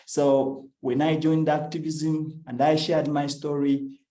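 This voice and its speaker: A young man with a Ugandan English accent speaks earnestly into a video call, his voice mellow and set in an echoey room. He tells a personal story with frequent hesitations. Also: fairly high pitch, flat delivery, takes it slowly. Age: young adult. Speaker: climate activist speaker. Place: at home.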